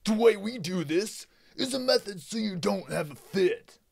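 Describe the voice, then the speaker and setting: A man's voice: high voice, lively intonation, normal speed, gravelly, pitched above the performer's own voice, heavily acted. A man voicing a brooding male henchman who answers his boss with a chuckle. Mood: sly. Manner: chuckling, sly.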